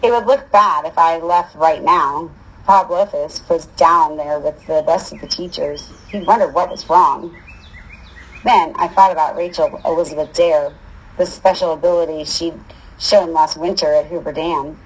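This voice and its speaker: A woman's voice: low-pitched, normal speed, slightly rough, rough recording. A woman reading a first-person story aloud in a casual, wry manner. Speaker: audiobook reader.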